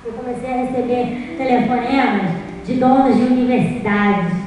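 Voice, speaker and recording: Woman preaching her testimony, high voice, big echoey hall, mic far off. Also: moderate pace, slight background noise. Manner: lively storytelling, acting out dialogue. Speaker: guest preacher. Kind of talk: sermon testimony. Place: church.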